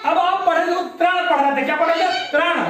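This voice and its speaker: Woman teacher, high voice, drills children by repetition, distant echoey classroom sound. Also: steady tone, a little fast, a crowd in the background. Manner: patient, repeats words and quizzes children. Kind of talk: classroom lesson.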